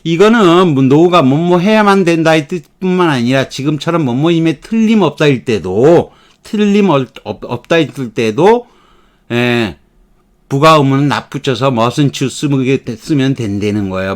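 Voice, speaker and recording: A man teaching English grammar in Korean, slowly reading out example sentences and explaining them step by step. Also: mid-range voice, expressive. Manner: slow and methodical, reading example sentences aloud.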